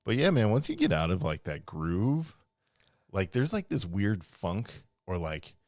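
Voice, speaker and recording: A man co-hosting a casual podcast in a very deep voice. He jokes and banters quickly, recorded close on a mic in a dry room with no echo. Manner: joking, animated, quick banter. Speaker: podcast co-host. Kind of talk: casual chat.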